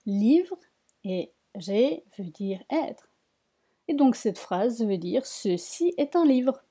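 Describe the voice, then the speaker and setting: A woman giving a patient reading lesson at an unhurried pace. Her voice sits slightly high but sounds mellow and soft-edged. She spells out each syllable and repeats the words for her students. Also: breathy edge. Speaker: Tibetan reading teacher. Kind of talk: slow spoken language lesson.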